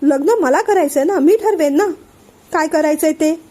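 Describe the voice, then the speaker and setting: A woman's voice: high-pitched, normal speed, mellow, pitched above the performer's own voice, natural voice. A woman voicing a hot-tempered suspicious young man. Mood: angry, suspicious. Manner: accusing, hot-tempered questioning.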